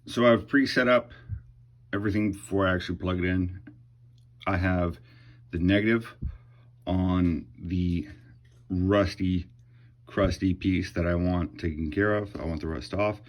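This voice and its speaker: A man in his forties casually narrating a hands-on demonstration in a hesitant, halting way. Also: sits low, fairly even intonation, lo-fi sound. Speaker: vlogger.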